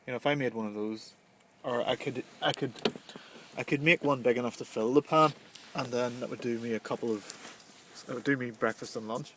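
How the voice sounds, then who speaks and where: A man's voice: medium pitch, fairly even intonation, fairly quick. A man in casual, unscripted conversation as a camper van vlogger. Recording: faint background noise.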